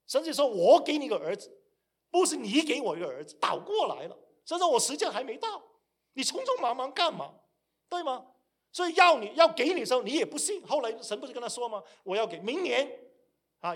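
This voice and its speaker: A middle-aged male pastor preaching a sermon in a high voice. He tells stories with lively, swooping intonation and acts out the people he quotes. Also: breathy edge. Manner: animated storytelling, acting out quoted voices. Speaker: pastor and seminary teacher.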